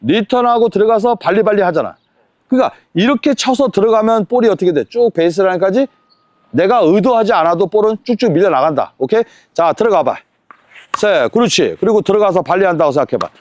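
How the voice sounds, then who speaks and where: Man, tennis coach, high voice, commanding drill calls, rhetorical questions. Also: lively intonation, quick pace, darkish tone, no echo. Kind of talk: on-court tennis lesson.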